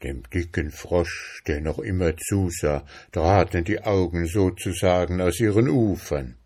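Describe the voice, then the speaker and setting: A man narrating a storybook tale aloud in a calm, measured way. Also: sits low, breathy edge. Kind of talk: storybook reading.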